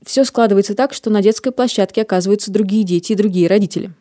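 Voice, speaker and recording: Woman, 30s, podcast host, reflective storyteller, mellow dry voice. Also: mid-range voice, fast talker, no echo. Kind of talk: casual podcast chat.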